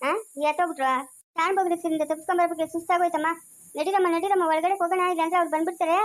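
A woman with a rural Chikkaballapur Kannada accent playing a chatty village woman in a family skit, coaxing and scolding quickly. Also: very high-pitched, flat delivery. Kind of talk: amateur village skit acting.

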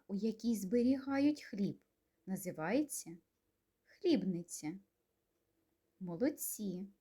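A woman teaching a speech lesson to small children, asking gentle questions and pausing for answers. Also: mid-range voice. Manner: slow, gentle, coaxing questions with pauses. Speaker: kindergarten teacher.

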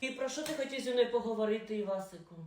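A woman voicing a meek, flustered grown son in a comedy sketch, in a low put-on male voice. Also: fast, slight background noise, natural voice. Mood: hesitant. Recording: roomy echo.

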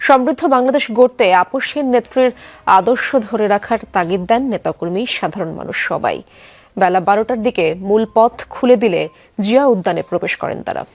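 A woman news anchor reading headlines and reports in a measured, formal way. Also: mid-range voice, no room sound.

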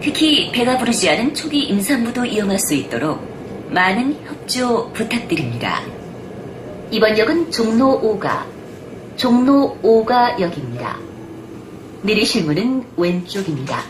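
Formal woman's subway announcement over train speakers. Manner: calm, measured, formal and polite. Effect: train announcement over onboard speakers. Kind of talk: recorded transit announcement. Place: inside a moving subway train. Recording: echoey train car with loud rail noise. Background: train rumble and carriage noise.

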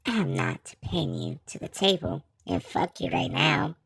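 A woman voicing a sultry, brazen female demon flirt in a husky, breathy, creaky voice for an amateur comic dub. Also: on the low side, a little slow, fairly bright tone, no echo, heavily acted. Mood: lustful.

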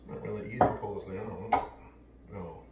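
A man's voice: on the low side, fairly even intonation, fairly quick, darkish tone, far from the mic, slight background noise. A man, casually talking through a recipe while he works in a large home kitchen. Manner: chatty, offhand, talks while working. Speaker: home cooking show host. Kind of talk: casual cooking demonstration. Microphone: camera mic at a distance, then close to camera. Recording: roomy kitchen sound, heard from afar.

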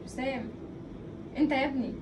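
Woman as young Egyptian bride, pleading, high voice, distant mic, noisy room. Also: a little fast, close to an everyday voice. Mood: bewildered, pleading. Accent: Egyptian Arabic. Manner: pleading, questioning softly. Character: gentle, bewildered young bride. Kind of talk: short web drama acting.

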